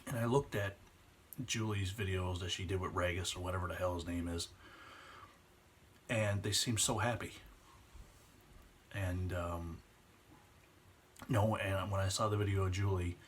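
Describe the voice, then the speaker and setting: A man's voice: deep voice, steady tone, slight background noise. A man, speaking earnestly and emotionally in a personal vlog. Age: 20s. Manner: earnest, emotional, slows down on heavy points. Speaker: vlogger. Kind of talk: impassioned personal vlog rant.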